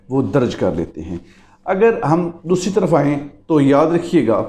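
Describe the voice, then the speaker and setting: A man, speaking as a lawyer in a lecture. His voice is mellow and unhurried, and he walks through each point patiently, again and again reminding listeners what to remember. The sound carries a noticeable room echo. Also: on the high side. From Pakistan. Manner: explanatory, keeps repeating "remember". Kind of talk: legal lecture.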